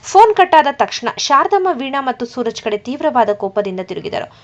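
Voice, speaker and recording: A woman storyteller narrating a scripted family drama in an even, measured reading, in a dull lo-fi recording. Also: high voice.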